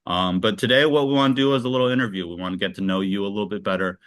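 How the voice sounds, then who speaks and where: A man hosts a casual online interview in a very low voice. He talks loosely, full of fillers and restarts, and the recording is dry and close. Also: steady tone, racing, a bit bright, no room sound. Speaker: interview host.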